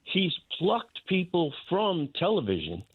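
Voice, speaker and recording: A man's voice: high-pitched, wildly swooping pitch, a little slow, slightly rough, dry recording. An older man, calling in to a radio talk show and speaking bluntly and emphatically. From New York. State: caller on a phone line to a radio show. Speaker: radio show caller, former talk radio host. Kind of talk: opinionated call-in talk. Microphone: telephone. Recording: tinny dry phone line.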